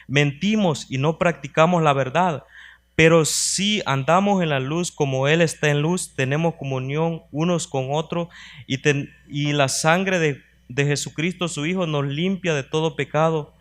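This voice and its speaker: A man's voice: on the high side, normal speed. A man as a youth minister, preaching a sermon to young people and reading scripture aloud with rising emphasis. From United States. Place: church youth sanctuary.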